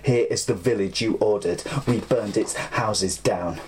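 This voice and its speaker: A man's voice: on the low side, measured pace, darkish tone, slight background noise. A man reciting fragmented, surreal spoken-word poetry in an incantatory way, breaking off to correct himself.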